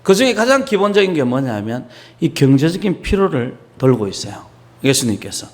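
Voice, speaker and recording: A man's voice: medium pitch, big pitch swings, fairly quick. A man preaching a sermon as pastor, talking conversationally with asides and rhetorical questions. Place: church in Beijing.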